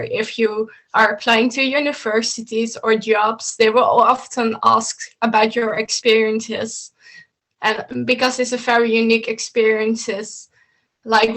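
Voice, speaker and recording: A woman coach with a slightly high, somewhat bright voice presents slides to students on a video call. She is indoors in a home room with bookshelves, and her steady, instructive explanation includes a few slips and restarts.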